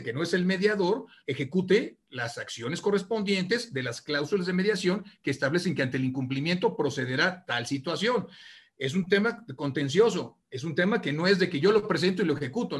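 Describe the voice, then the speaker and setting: Lawyer on a panel, a bit high-voiced, explains at length, restarts phrases. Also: male voice, fairly bright tone. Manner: explanatory, repeats words at the starts of phrases.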